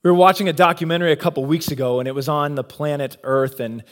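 A man with a high voice preaches a sermon. He speaks earnestly and leans on rhetorical questions, pausing to let points land. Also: fairly even intonation. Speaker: pastor.

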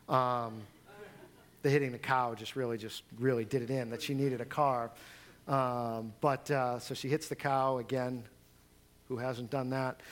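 A man who is a pastor, giving church announcements and introducing speakers in a conversational way with frequent fillers. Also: medium pitch. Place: church sanctuary.

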